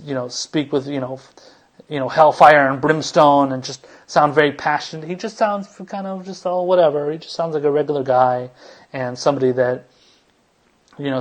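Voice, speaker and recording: A man hosting a political commentary podcast, talking in a rambling way with many restarts, fillers and casual swearing. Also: mid-range voice. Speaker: podcast host.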